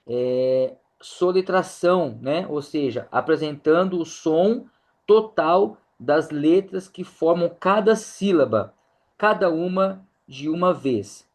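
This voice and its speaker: A man with a Brazilian accent teaching a grammar lesson to a church group, explaining each point step by step and often checking that the listeners follow. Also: fairly high pitch. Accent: Brazilian Portuguese. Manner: unhurried, explains step by step, often ends phrases with a checking tag.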